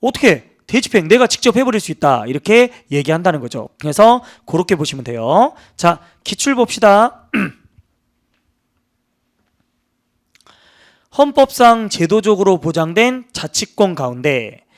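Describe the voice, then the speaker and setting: A man teaching law for exam prep, talking casually and acting out quoted officials in rough, joking banter. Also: high-pitched, big pitch swings, slow, pauses often. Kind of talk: lively lecture with acted anecdotes.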